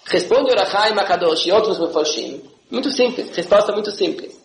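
A man giving a classroom religious lesson, animated and often checking in with his listeners. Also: high-pitched, moderate pace, echoey room, slight background noise, low-quality recording. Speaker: religious teacher.

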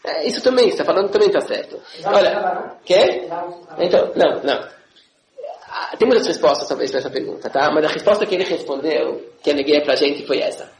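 A man giving a classroom religious lesson, animated and often checking in with his listeners. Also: a little high, fairly quick, echoey room, a crowd in the background, rough recording. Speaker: religious teacher.

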